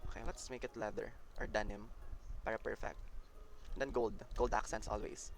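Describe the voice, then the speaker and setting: A man with a Filipino accent giving excitable, dramatic live commentary while playing a dress-up game. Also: fairly low pitch, a little fast, a little hiss or hum. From Philippines. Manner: excitable and dramatic, mixes English and Tagalog. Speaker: gaming content creator.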